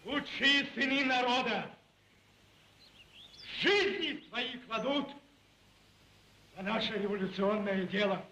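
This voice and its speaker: An actor playing a fiery, declamatory Red Army commander in 1930s film style. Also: male voice, very high voice, slow pace, pauses often, sharp tone, exaggerated voice. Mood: solemn, stern. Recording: echoey, hissy 1930s film soundtrack.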